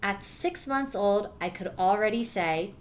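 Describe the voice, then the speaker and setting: This teacher has a medium-pitched, lively voice and uses it warmly to encourage her class as she reads them a picture book. She pauses now and then to explain and check they've understood, with slight background noise behind her.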